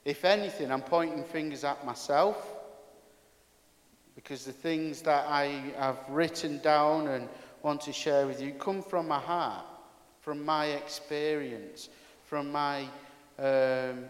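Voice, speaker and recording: A man's voice: fairly high pitch, slow pace. A pastor preaching a sermon to his congregation in a chatty, candid, self-deprecating way, his voice carrying a big hall echo. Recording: echoey hall with long reverb.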